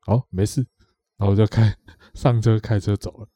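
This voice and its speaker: A man's voice: lowish voice, fairly even intonation, normal speed, mellow, dry recording. A man with a Taiwanese Mandarin accent telling a rambling story on a podcast, repeating himself and acting out what others said. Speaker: podcast co-host. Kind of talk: casual storytelling chat.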